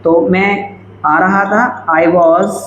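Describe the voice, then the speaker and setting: A man teaching English grammar in a lecture, dictating example sentences slowly word by word. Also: high voice, fairly even intonation, a bit bright, highs cut off. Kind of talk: classroom-style video lecture. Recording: echoey room, faint background hum.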